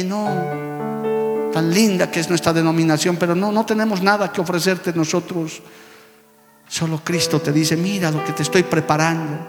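A male pastor with a Bolivian Spanish accent preaching a fervent sermon, often calling listeners brother. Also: sits high. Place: church hall. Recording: echoey church hall with long reverb. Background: music.

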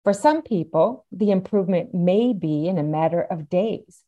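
A woman's voice: on the low side, moderate pace, narrow, tinny audio. A middle-aged or older woman, explaining things as an interview guest and stressing key points emphatically. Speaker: podcast guest, aphasia advocate.

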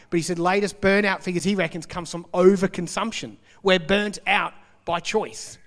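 A man delivers a Sunday sermon in a church, his voice sitting slightly high for a man. He talks conversationally, as if to friends, pausing to stress key words and dropping in asides. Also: long reverb tail. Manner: conversational preaching with emphatic pauses. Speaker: pastor.

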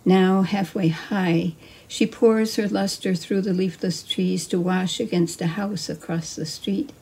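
A woman's voice: lowish voice, fairly even intonation, measured pace, vocal fry, a little mellow, husky, low-quality recording. A woman reading her poem. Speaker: poet. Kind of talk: poetry reading.

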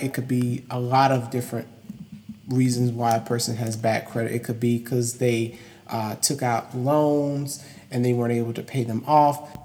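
A young adult man hosts an informal educational solo podcast in a medium-pitched, slightly mellow voice. He is emphatic and repetitive as he stresses his key points, and the recording has long, hollow room reverb.

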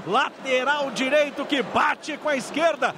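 A man commentates on a football match in short, emphatic phrases. His voice sits extremely high, with clear background noise from the broadcast. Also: measured pace. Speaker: football commentator analysing the play. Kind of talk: live match commentary, describing a goal. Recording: noisy stadium broadcast.

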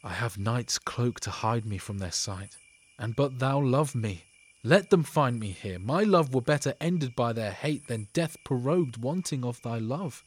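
A man's voice: mid-range voice, animated, a little slow, slightly rough. A man performing an ardent, devoted young nobleman in a Shakespearean scene, with earnest, declamatory delivery. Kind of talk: Shakespearean stage acting.

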